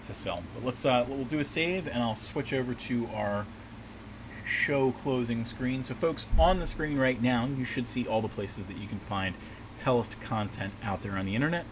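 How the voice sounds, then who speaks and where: Working from a small desk at home, a map maker hosts a laid-back livestream in a mid-range, slightly scratchy voice. His chat is loose and rambling, with lots of fillers and restarts, and a steady air-conditioning hum runs behind it.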